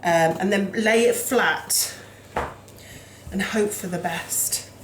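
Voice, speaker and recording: A woman's voice: medium pitch, takes it slowly, echoey room, noisy background. A woman hosting a casual home cooking show, chatty and self-deprecating, talking as she works in her kitchen.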